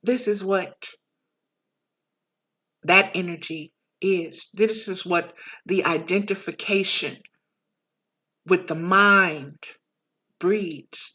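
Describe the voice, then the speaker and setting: A woman's voice: fairly low pitch, sharp tone. A woman giving a reflective spiritual monologue as a teacher, in a preaching manner.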